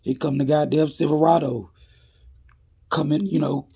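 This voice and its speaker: Husky, gravelly man telling street stories. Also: on the high side, fairly even intonation, normal speed, warm tone. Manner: laid-back street slang, frequent "you know". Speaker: storyteller. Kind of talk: casual storytime narration.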